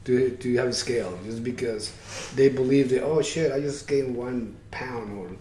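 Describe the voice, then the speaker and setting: A man's voice: mid-range voice, moderate pace, slight background noise. Joking older man from Mexico. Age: 60s. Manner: jokey, slangy, quiet asides. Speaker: co-host. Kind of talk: casual chat. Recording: roomy echo, distant mic.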